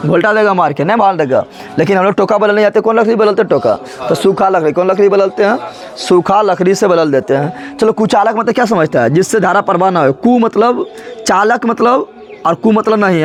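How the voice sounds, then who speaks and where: A male teacher, teaching a class in a colloquial style, repeatedly asking questions and answering them himself. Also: high-pitched. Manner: repetitive call-and-response questioning, colloquial. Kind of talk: classroom lesson.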